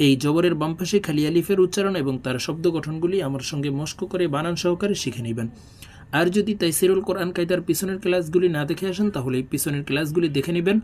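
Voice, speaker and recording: A man teaching Quran reading, who explains quickly and then recites and spells each syllable slowly and drawn-out. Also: on the high side, darkish tone. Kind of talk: religious reading lesson.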